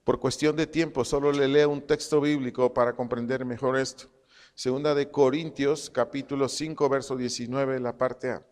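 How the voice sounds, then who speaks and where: A man preaching a sermon to his congregation, slow and emphatic, repeating his phrases and dictating punctuation as he teaches. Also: mid-range voice, fairly even intonation, a little mellow, long reverb tail. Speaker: pastor. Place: church congregation hall.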